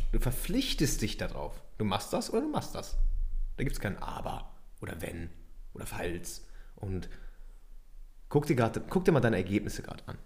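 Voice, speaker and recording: A man's voice: on the low side, a little mellow. A man co-hosting a podcast, emphatically challenging listeners with rhetorical questions. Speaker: podcast co-host. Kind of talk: casual coaching talk.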